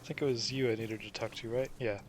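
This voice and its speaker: A man's voice: mid-range voice, steady tone, fast talker. A man doing casual commentary as a video game streamer, musing to himself and reading dialogue aloud.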